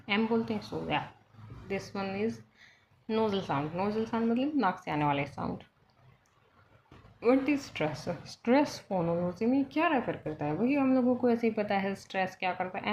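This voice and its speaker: Slow-talking woman teacher. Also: mid-range voice, darkish tone. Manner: chatty, mixes Hindi and English, self-corrects. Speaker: exam prep teacher. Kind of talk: explaining quiz answers. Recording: dull lo-fi recording with faint background noise.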